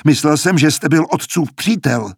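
A man's voice: fairly high pitch, expressive, creaky, breathy edge, no echo, studio quality, voice pushed up, heavily acted. A man voicing a desperate, cornered young male student in an audiobook, stammering and pleading.

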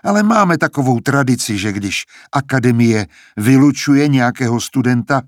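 A man voicing a stern, bitter older male academy dean in an audiobook, speaking in a cold, measured, mocking way. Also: mid-range voice, lively intonation, dry recording, studio quality, close to an everyday voice.

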